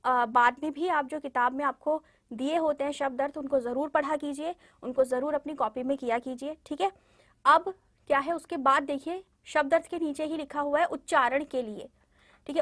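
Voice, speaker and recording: A woman teacher with a high voice leads a classroom lesson for young children, patiently repeating words for them to say along with her. She checks in with them often, using frequent "ठीक है" and fillers, in a dry, studio-quality recording.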